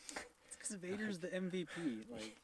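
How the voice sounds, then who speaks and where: A man's voice: sits high, sing-song, measured pace, noisy background. A man chatting as a guest on a casual live stream, easygoing, mostly giving short, agreeable replies.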